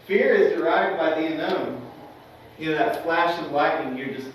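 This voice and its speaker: A man's voice: a little high, normal speed, a little hiss or hum. A young man teaching a Sunday school class in a conversational way, often checking for agreement from the class. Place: church classroom. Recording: echoey room, mic at a distance.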